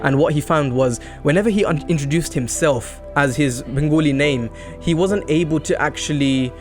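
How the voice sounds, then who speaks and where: A man's voice: a little high, normal speed, over music. Earnest man hosting a podcast. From England. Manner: earnest, restarts often. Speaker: podcast host. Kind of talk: casual podcast chat.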